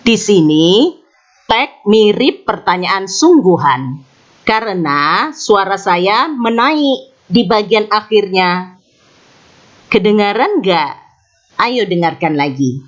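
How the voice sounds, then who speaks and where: A woman's voice: medium pitch, sing-song, slow pace, pauses often. A woman teaching an English grammar lesson in scripted narration, explaining carefully and repeating example sentences. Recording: slightly dull lo-fi sound.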